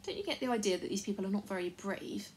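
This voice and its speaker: A woman's voice: mid-range voice, sing-song, fast talker, darkish tone, slight background noise, lightly acted. A woman voicing a brave, sensible young girl who talks earnestly and plainly in an audiobook.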